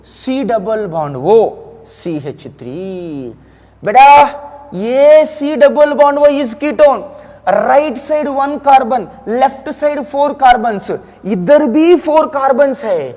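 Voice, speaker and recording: High-voiced man teaching chemistry. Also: a little mellow, in a large hall. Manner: scolding yet affectionate, repeats phrases, quizzes students. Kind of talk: classroom lecture.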